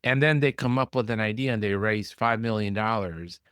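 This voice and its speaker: A man who is a physician hosting a podcast, talking bluntly in casual conversation and mimicking others in a high whine. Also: moderate pace, fairly bright tone, clean tone, no room sound, clean studio sound.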